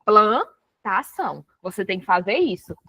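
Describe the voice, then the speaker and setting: A woman's voice: fairly high pitch, expressive, measured pace, a bit bright, no room sound. A Brazilian woman teaching a recorded writing lesson, explaining step by step and checking often that students follow. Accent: Brazilian Portuguese.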